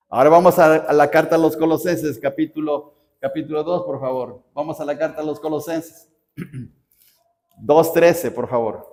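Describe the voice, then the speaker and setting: High-voiced Mexican pastor preaching in a hall. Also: male voice, darkish tone. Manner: preaching with emphatic rhetorical questions. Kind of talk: sermon. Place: church. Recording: reverberant church hall.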